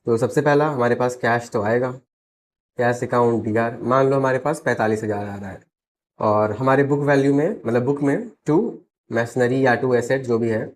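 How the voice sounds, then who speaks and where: Hoarse from a sore throat, this Indian man teaches accountancy in a mid-range voice, switching between Hindi and English as he explains. He builds the lesson step by step and keeps asking rhetorical questions to check in.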